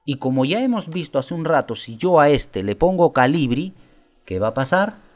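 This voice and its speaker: A man presenting a software tutorial, explaining step by step and asking viewers rhetorical questions. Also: a little high, very animated, normal speed. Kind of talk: screen-recorded software tutorial.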